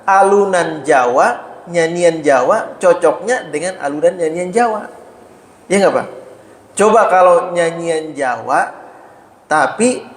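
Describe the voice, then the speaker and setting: A man preaching in a mosque, explaining Arabic terms and asking his listeners questions, with "ya" after nearly every phrase. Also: fairly high pitch. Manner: explains Arabic terms slowly, frequent "ya" tags; asks listeners rhetorical questions. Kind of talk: mosque study talk. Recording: echoey mosque hall.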